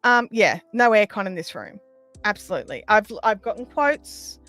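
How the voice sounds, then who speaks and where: Her voice is medium-pitched, expressive and a bit bright, moving at normal speed as this Australian woman hosts a casual livestream. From a small, sound-treated home room she explains things conversationally while answering viewers, with faint music playing.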